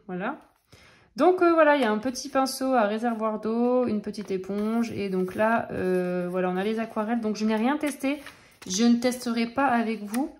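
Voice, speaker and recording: Fast-talking woman chatting to camera. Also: medium pitch. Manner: talks fast and stumbles over words; chatty, full of fillers and asides. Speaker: craft vlogger showing art-supply purchases. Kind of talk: casual haul chat to camera. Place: at home, with children nearby.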